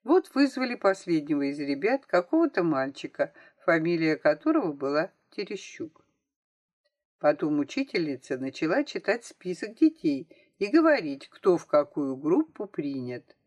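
A woman reading a children's novel aloud as an audiobook narrator, with expressive, varied intonation. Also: sits low, moderate pace.

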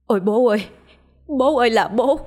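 A woman's voice: a little high, normal speed, a little mellow, voice pushed up, natural voice. A woman voicing a grieving young man who cries out desperately for his father. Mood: anguished. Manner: crying out, pleading.

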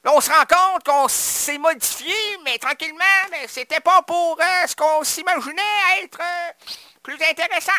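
A man's voice: extremely high pitch, normal speed, pushed and bright, dry recording, studio quality. A man hosting a radio show, improvising a playful, rambling comic monologue full of puns and talk aimed at imagined listeners. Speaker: radio host. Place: radio studio.

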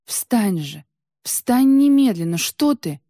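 A woman's voice: mid-range voice, moderate pace, dark tone, dry recording, clean studio sound, lightly acted. A woman voicing a grieving, emotional archivist woman in an audiobook. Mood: urgent.

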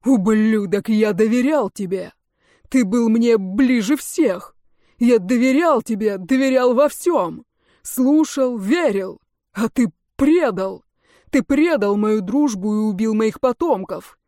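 A woman voicing an enraged male fire mage and father, hurling accusations in raised, slow shouts. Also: fairly high pitch, lively intonation, no echo, studio quality. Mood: furious.

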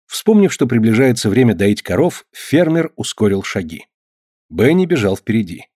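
Man reading a kids story aloud, husky voice, really lively delivery. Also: mid-range voice, moderate pace, no room sound, clean studio sound. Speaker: audiobook narrator. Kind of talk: scripted narration.

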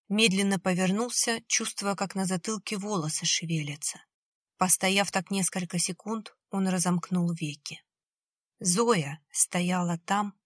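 A woman narrating an audiobook in a measured, suspenseful reading. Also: lowish voice, a bit bright, dry recording, studio quality.

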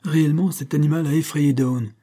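Man doing a swaggering young gentleman. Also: a little high, steady tone, a little fast, pitched above the performer's own voice, natural voice. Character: blustering young gentleman caller. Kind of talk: audiobook character voice.

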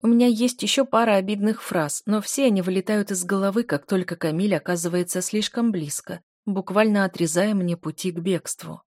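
A woman's voice: mid-range voice, fairly even intonation, a little fast, few pauses, darkish tone, no room sound, studio quality. A woman narrating a first-person romance audiobook in an emotive reading style.

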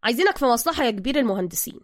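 A woman voicing a smooth-talking male fixer who flatters and soothes in Egyptian Arabic. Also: fairly high pitch, very fast, dry recording, clean studio sound, close to an everyday voice. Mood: coaxing.

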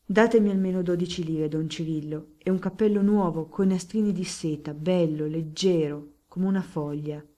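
A woman's voice: lowish voice, steady tone, moderate pace, few pauses, mellow, natural voice. A woman voicing a poor, desperate middle-aged male hatter who begs insistently for help. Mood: bargaining. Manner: pleading, insistent.

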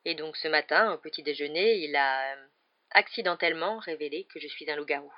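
A reader doing a gentle, weary male teacher. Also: mid-range voice, lightly acted. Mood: calm. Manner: calm, quiet, measured. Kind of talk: audiobook character voice. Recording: slightly dull lo-fi recording.

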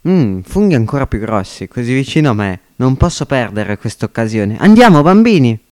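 A man voicing an excitable, scheming poor laborer in an amateur audiobook reading. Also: lowish voice, fairly quick, natural voice. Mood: eager. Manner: eager, blustering, conspiratorial.

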